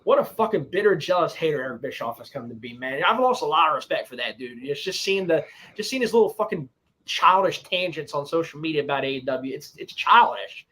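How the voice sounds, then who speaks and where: A man rants in a video clip with angry, profane commentary. He talks fast and heated, and his voice sits a touch high. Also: lively intonation, bright, forceful tone, husky. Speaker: online commentator in a played clip.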